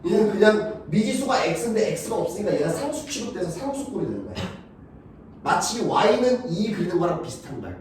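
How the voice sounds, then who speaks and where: A man's voice: high voice, big pitch swings, normal speed, crowd noise. A male math teacher giving a classroom lecture, talking bluntly and crudely and keeping on checking whether the students follow. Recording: echoey classroom, from far off.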